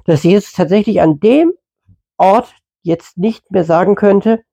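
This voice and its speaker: A man explaining scripture in a relaxed, chatty sermon voice. His tone is warm and dark, with a slightly husky edge. He often pauses with fillers and corrects himself mid-sentence. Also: sits high. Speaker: preacher. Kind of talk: informal Bible teaching.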